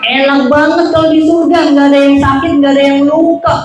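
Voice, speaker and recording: A man telling stories to children at a live event, leading playful call-and-response, with sudden shouts and silly voices. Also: extremely high pitch, flat delivery, brisk. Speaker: children's storyteller. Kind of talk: lively storytelling for children at an event. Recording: very echoey hall with background noise.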